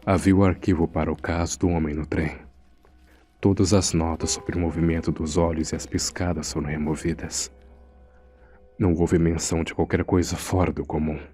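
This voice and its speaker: A man voices a nervous morgue assistant narrating a scripted first-person horror story about a terrifying secret, with a grave, suspenseful manner. His rumbling low voice is flat and darkish with a breathy edge, moving at a moderate pace.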